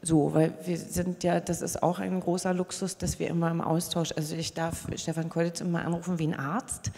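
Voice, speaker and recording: Reflective low-voiced woman on stage. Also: level tone, moderate pace, dark tone. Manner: reflective, searching for words. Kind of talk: panel discussion. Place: stage at a media convention. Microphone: handheld mic. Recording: long hall reverb.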